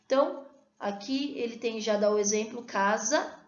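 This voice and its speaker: A woman's voice: a little high, moderate pace. A Brazilian woman teaching a recorded video lesson, explaining rules step by step and checking in with her students after each point. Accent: Brazilian Portuguese. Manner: explanatory, frequent checking tags. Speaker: Spanish teacher. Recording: echoey room, dull lo-fi sound.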